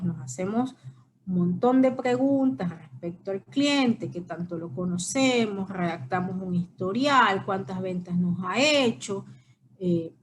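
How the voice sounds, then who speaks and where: A woman's voice: mid-range voice, slight background noise. A woman giving a recorded lecture, explaining step by step and often checking with her students. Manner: explanatory, frequent checking questions. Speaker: teacher.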